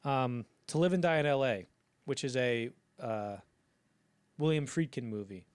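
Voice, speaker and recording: Man, podcast co-host, casual chat, animated storyteller, mid-pitched voice. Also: unhurried, clean tone. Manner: animated storyteller, acts out quotes, swears casually.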